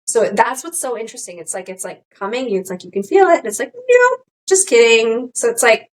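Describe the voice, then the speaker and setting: A middle-aged woman co-hosting a podcast, talking candidly in casual chat, rambling with many restarts and animated quotes of her own thoughts. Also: fairly high pitch, fast, low-quality recording. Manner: rambling, restarts often, animated quoting of herself. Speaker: podcast co-host.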